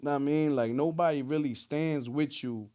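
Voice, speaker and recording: A man's voice: a little high, normal speed, dark tone. A man speaks with a New Jersey accent in a casual interview. He sounds like a rapper talking shop, heavy on street slang. His phrasing is emphatic, with repeated tags that check for agreement.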